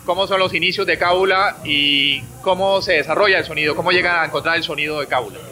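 A man's voice: fairly high pitch, fairly even intonation, fast talker, bright, forceful tone. A man in his thirties interviewing a band with a handheld mic in a small club room, upbeat and friendly. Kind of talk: music TV interview. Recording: music playing behind.

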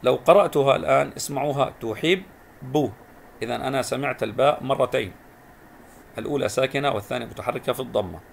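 Male teacher with a gravelly voice, spelling words out slowly for young pupils, faint noise behind. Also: mid-range voice. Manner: stretches and repeats syllables to teach spelling. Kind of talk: recorded primary school lesson.

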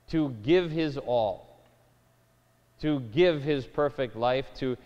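A man preaching a sermon as a pastor, measured and deliberate, rising in emphasis on key phrases. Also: mid-range voice, clear, resonant tone. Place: church sanctuary. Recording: dull lo-fi church recording with long reverb.

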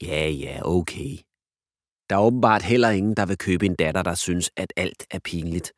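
A man's voice: sits low, no echo, clean studio sound, natural voice. A man doing a teasing, clowning dad. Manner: teasing, loud and showy. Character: playful, clowning father.

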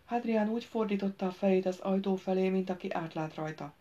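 A woman narrating an audiobook in a measured, quiet storytelling manner. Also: medium pitch, dull audio.

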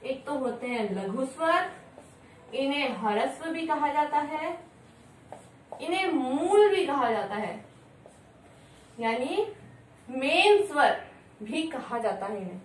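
High-voiced woman teaching in an echoey room. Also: expressive, takes it slowly, pauses often, a little hiss or hum. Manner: asks questions and answers them, addresses children. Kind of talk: classroom grammar lesson. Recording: echoey room, mic at a distance.

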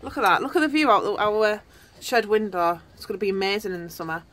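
Filming on her phone as she strolls through her allotment, a middle-aged vlogger keeps up a chatty commentary, pointing out what she passes. She speaks quickly at a medium pitch with plenty of expression, while strong wind and outdoor sounds crowd the audio.

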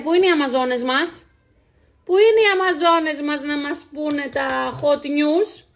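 High-voiced chatty woman hosting a live stream. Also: vocal fry. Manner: chatty, greets viewers by name, playful teasing. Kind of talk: casual live-stream chat.

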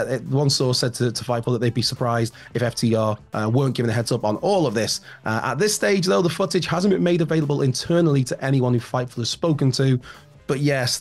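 Talking wrestling news on his own, this thirtysomething man rambles along with asides and filler words in a medium-pitched voice that's a touch raspy and hoarse. He's indoors at home, in a room with shelves, with headphones on and a big studio microphone in front of him.

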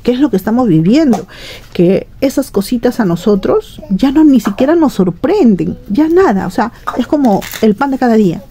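A woman's voice: mid-range voice, vocal fry, dark tone, slight background noise. A middle-aged woman from Peru, chatting and rambling to her viewers at home in a casual shopping vlog. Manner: chatty, rambling, frequent restarts. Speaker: shopping vlogger. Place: home, indoors.

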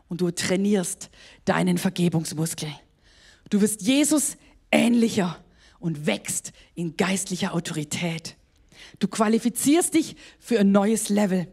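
A woman's voice: mid-range voice, lively intonation, measured pace, a little mellow, breathy edge. A woman pastor with a German accent preaching a sermon, emphatic and exclaiming, laughing at herself at times.

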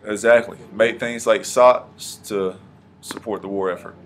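A man's voice: fairly low pitch, fairly even intonation, unhurried, a little hiss or hum. A man teaching history to a class, questioning the students and echoing their answers. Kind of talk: classroom lesson.

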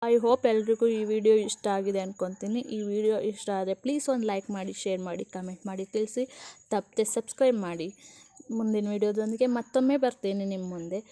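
A young mother narrating her family vlog, speaking gently and addressing viewers. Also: medium pitch, fast. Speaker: vlogger and mother.

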